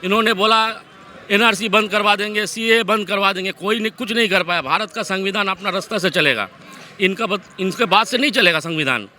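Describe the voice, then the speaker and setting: A man in a street interview lays out his argument at length, his voice pitched high and very bright. A faint noise sits under him outdoors. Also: fairly quick.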